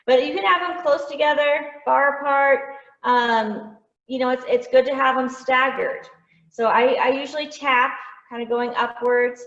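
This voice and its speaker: A woman guides her painting class step by step over a video call. Her voice sits a little high and she chats along with plenty of "um"s and small jokes at her own expense. The audio is roomy and dull, like a studio heard over a call. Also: fairly even intonation, unhurried. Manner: chatty, with frequent "um" fillers and gentle self-teasing. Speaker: painting instructor. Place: art studio.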